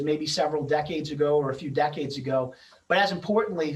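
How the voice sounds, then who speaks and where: Speaking as an event's host and moderator, this middle-aged man uses a video-call mic and a semi-formal, loosely scripted introducing manner. His voice runs on the high side, and he sounds far from the mic in a rough recording.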